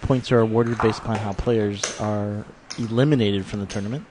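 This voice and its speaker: A man's voice: on the low side, steady tone, normal speed. Man joking through live poker commentary. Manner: joking, banter with co-host. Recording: noisy live stream.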